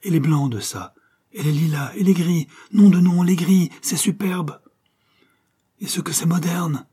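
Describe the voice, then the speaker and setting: A man's voice: on the high side, a little slow, husky, voice pushed up. A man voicing a grief-stricken widowed painter who breaks into feverish, exclaiming talk. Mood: enraptured. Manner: anguished then feverishly excited exclamations.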